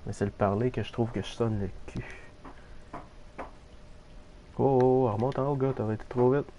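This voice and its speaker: A man's voice: medium pitch, fairly even intonation, moderate pace, mellow, lo-fi sound, a little hiss or hum. A man with a Québécois French accent, casually commenting on a game for viewers and swearing freely. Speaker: game streamer.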